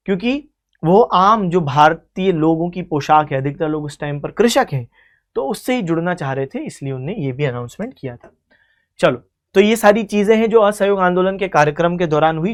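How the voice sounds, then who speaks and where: A history teacher leads an online exam-coaching lecture, working through quiz questions one after another. The teacher explains each answer like a story, calls the students "beta" and mixes English terms into the talk. The voice sits at a middle pitch.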